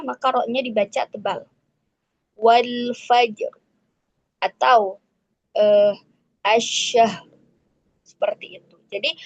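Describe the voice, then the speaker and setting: A woman teaching Quran recitation rules in an online lesson, explaining step by step and slowly modelling each example. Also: on the high side, no room sound, muffled recording. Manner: patient, explains step by step with frequent "nah" and "eh".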